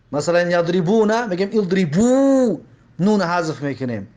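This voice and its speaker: A man's voice: fairly high pitch, darkish tone. A man teaching a grammar lesson, repeating examples and asking and answering his own questions.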